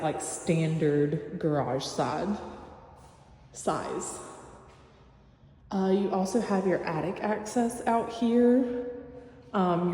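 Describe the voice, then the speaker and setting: A woman with a lowish, mellow voice, a real estate agent, gives a chatty, matter-of-fact tour of a new house, room by room. She's indoors in an empty new-built home, and the bare rooms echo with long reverb over a faint hum.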